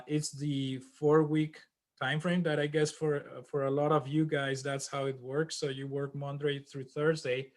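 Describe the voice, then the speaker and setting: A man teaching an online class over a video call, halting with many restarts and fillers. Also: on the high side. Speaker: instructor.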